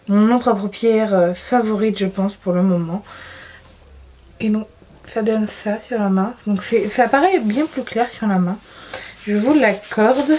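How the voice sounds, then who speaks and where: A woman's voice: mid-range voice, darkish tone. A young woman chatting casually about her favorite makeup, giggling, restarting sentences and poking fun at herself. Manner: chatty, giggly, self-deprecating, frequent restarts. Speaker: beauty vlogger.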